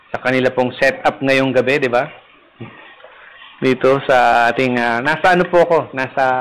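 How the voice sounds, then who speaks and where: A man's voice: medium pitch, fairly bright tone, low-quality recording. A man, a parish priest, chatting casually on a livestream, greeting viewers by name and joking playfully. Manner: playful, teasing, laughs at own jokes. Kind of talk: casual livestream chat reading viewer comments. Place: rooftop garden, third floor.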